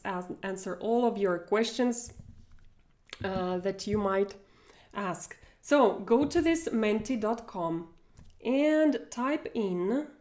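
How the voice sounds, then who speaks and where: Using a wired earphone microphone in a home room with bookshelves, a Russian-accented woman in her forties leads a live online language lesson. Friendly and talkative, she laughs a lot and fills her speech with fillers, and her mid-range voice sounds a little mellow.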